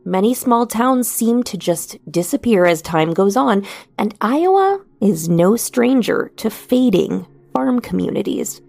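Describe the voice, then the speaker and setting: Creaky-voiced woman, sleep story narrator. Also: a little high, very animated, unhurried, no echo. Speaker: podcast host and narrator. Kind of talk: sleep story narration, scripted true crime bedtime storytelling. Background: soft music.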